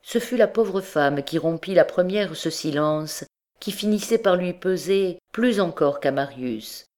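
A woman narrating a classic novel as an audiobook in a measured, deliberate way. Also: lowish voice, lively intonation, a little mellow. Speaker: audiobook reader.

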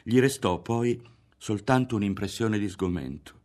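A man narrating a literary audiobook in a measured, expressive way. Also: fairly low pitch. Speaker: audiobook reader.

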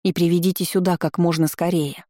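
A young heroine cries out in worry and alarm, as a storyteller puts her on. The tone is warm and mellow. The audiobook recording is close and dry. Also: lowish voice, level tone, fairly quick, no room sound, lightly acted. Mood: worried. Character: young heroine, worried and brave. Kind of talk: audiobook reading.

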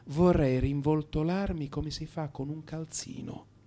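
An actor voices a melancholy, troubled man in crisis for a radio drama monologue, introspective and brooding as he blames himself in halting, repeated phrases. The pitch sits on the high side with fairly even intonation, and he sounds despondent and self-blaming.

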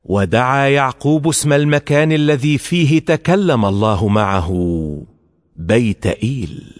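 A man's voice: medium pitch, expressive, measured pace. Solemn male scripture reader, echoing hall. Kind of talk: formal scripture reading. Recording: long hall reverb.

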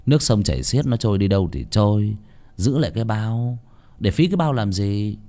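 A man voicing a callous, thrifty henchman who speaks flatly and matter-of-factly. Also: lowish voice, brisk, natural voice.

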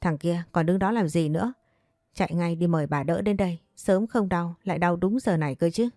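A woman storyteller voices a bossy middle-aged mistress of the house, barking orders in a low, mellow voice. The recording is dry and close. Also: brisk, dry recording, close to an everyday voice. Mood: commanding.

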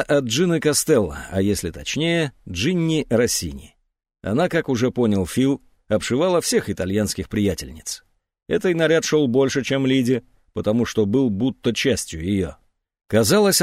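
A man narrating an audiobook in an expressive reading. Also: fairly low pitch, no room sound, clean studio sound. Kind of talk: scripted narration.

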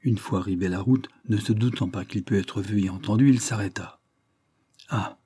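A man reads a novel aloud in calm, measured narration. His voice is low-pitched and husky. The recording is dry and close. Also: no echo. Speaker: audiobook narrator. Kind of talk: scripted narration.

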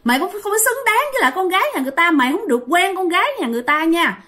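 A woman playing a shrill, menacing strange woman. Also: expressive, sharp tone, full character voice. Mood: threatening. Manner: scolding, shrill, rapid threats. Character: fierce menacing strange woman threatening a young man.

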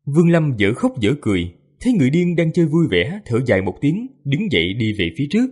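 A male storyteller with a mid-range voice that rises and falls a great deal as he reads. His tone is slightly husky, and his narration is steady and expressive. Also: on the high side, fast. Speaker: audiobook narrator.

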